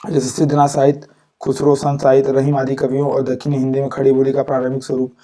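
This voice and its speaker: Steady, dark-voiced male teacher. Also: mid-range voice, quick pace. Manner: repeats "ठीक है" after points, with fillers and restarts. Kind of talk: exam-prep lecture.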